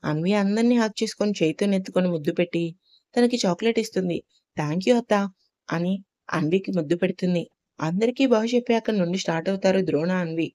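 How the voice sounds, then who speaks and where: Warm-toned woman narrating a story. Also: medium pitch, dry recording.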